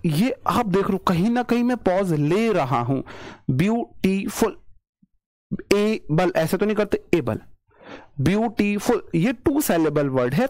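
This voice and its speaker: A man teaching an online English grammar class, repeating rules and stretching out words slowly to show their sound, with chatty, teasing asides to his students. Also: high voice, a little mellow, no room sound. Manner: explains by repeating, drawn-out word demonstrations.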